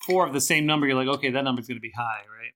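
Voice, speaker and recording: A man's voice: mid-range voice, very fast, fairly bright tone, slight background noise. A man acting as game master, patiently explaining the rules of a dice game to the players and laughing often.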